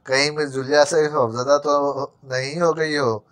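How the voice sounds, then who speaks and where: A male narrator voicing a jittery, sharp-tongued male servant who stammers when frightened. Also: a little high, fairly even intonation, natural voice. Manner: stammering, quick-tongued sarcasm.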